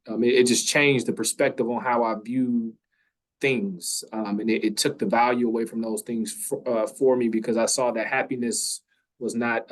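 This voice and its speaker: A man's voice: mid-range voice, low-quality recording. A man hosting a campus talk, telling a story in a casual way, full of ums and restarts. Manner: hesitant, many ums and restarts.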